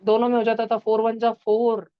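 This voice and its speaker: A woman's voice: a little high, completely flat delivery, fairly quick, clear, resonant tone, dry recording, dull audio. A woman teaching a math lesson to children in an online class, turning numbers into story characters and acting out their lines. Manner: playful, acts out number characters in voices.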